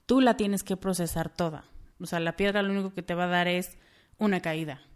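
A woman's voice: fairly low pitch, fairly even intonation, fairly quick, clean tone. A woman with a Mexican accent hosting a solo podcast, speaking earnestly and directly to the listener. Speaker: podcast host.

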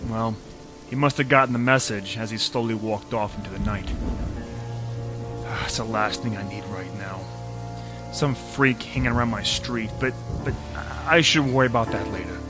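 A man's voice: on the low side, moderate pace, over music, close to an everyday voice. An actor playing a weary, wisecracking hard-boiled private detective who narrates his own case. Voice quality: sardonic, weary. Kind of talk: noir detective narration and dialogue.

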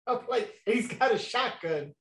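A man's voice: very high-pitched, a bit bright. A young man telling a long story in a casual chat, laid-back and slangy, with lots of fillers and laughs. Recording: echoey room.

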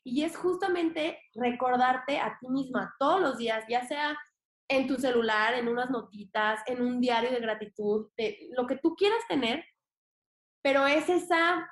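High-voiced Mexican woman, expressive. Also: measured pace. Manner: emphatic, expressive, casual swearing and slang. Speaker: podcast guest. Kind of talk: casual interview talk. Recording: roomy echo.

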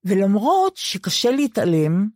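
An older Israeli woman co-hosting a podcast, talking in a measured, earnest way. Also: mid-range voice, very animated, darkish tone, no room sound, studio quality. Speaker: podcast co-host. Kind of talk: casual conversation.

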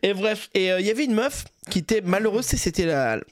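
Man, from France, high voice, rapid, rambling anecdotes, dry close sound. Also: animated, no echo. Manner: rambling anecdotes with frequent laughs and fillers. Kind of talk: casual storytelling chat.

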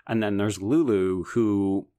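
A man with a lowish voice co-hosts a podcast. He talks through a book in a relaxed but eager and analytical way. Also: takes it slowly. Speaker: podcast co-host. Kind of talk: casual book discussion.

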